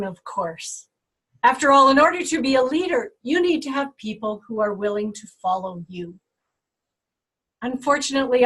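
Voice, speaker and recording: A woman giving a short prepared inspirational speech over a video call, in a measured and instructive way. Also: a little high. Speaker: inspiration speaker.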